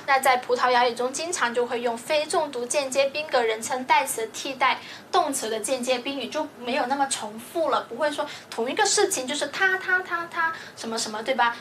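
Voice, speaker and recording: A woman's voice: sits high, a bit bright, a little hiss or hum. A woman teaching a grammar lesson, explaining patiently step by step and often checking that students follow. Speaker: language teacher.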